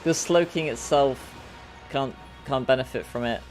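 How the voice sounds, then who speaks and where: A man casually chatting while playing a game, sleepy and halting, often trailing off mid-sentence. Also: mid-range voice, faint music behind. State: drowsy, yawning. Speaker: streamer. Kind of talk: casual gameplay chat.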